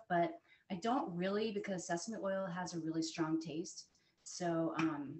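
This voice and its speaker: A woman in her forties walks viewers through a recipe in a relaxed, chatty way with plenty of fillers. Her voice sits at an ordinary middle pitch. It is picked up by a camera set back from her, so it echoes off the walls of the dining room. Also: a little hiss or hum. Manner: chatty and friendly, frequent fillers. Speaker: cooking instructor. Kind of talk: live cooking demonstration. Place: home dining room, indoors. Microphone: fixed camera at a distance.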